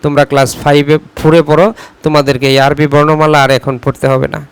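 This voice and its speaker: A man with a Bangladeshi Bengali accent teaches a class, repeating each question so it can be written down and sounding out letters one at a time. His voice sits a little high and comes through smooth and resonant. The recording is close and dry. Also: flat delivery, no echo. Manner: repeats questions slowly for dictation. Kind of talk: classroom lesson dictation.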